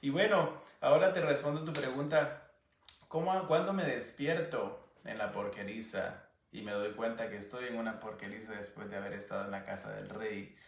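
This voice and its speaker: A man from Guatemala with a Guatemalan Spanish accent, giving an earnest personal testimony as an interview guest, sometimes pausing to search for words. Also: fairly low pitch, echoey room, far from the mic, slight background noise. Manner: earnest, searching for words, animated when recounting.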